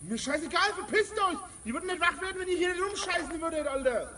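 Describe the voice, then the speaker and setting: A man from Germany shouting and cursing at visitors outside his own property in a heated argument. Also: very high voice, expressive, fast talker. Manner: shouting, swearing, aggressive. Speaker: homeowner confronting visitors. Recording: crowd of voices behind.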